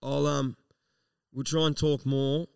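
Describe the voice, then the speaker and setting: A man's voice: mid-range voice, little pitch movement, takes it slowly, gravelly, clean tone, no echo, clean studio sound, distant mic. An Australian man co-hosting a casual live podcast, talking in slangy, laid-back language with plenty of swearing. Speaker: podcast co-host.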